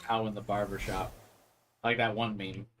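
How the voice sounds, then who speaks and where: A man's voice: on the low side, level tone, moderate pace, fairly bright tone, slight background noise. A man chatting casually as he streams a video game. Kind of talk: casual chat while gaming. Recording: game music playing behind voice. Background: game music and audio.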